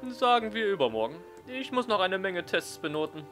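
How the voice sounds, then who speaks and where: A man voicing an easygoing male schoolteacher in a visual novel game, with a raised, drawn-out delivery. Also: high voice, big pitch swings, fairly bright tone, soft background music, pitched above the performer's own voice. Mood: businesslike.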